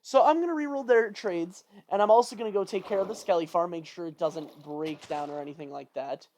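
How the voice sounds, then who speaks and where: Casual let's-play commentary, rambling, thinking aloud, fretful, ordinary pitch. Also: fairly quick, darkish tone, slight background noise. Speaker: gameplay commentator.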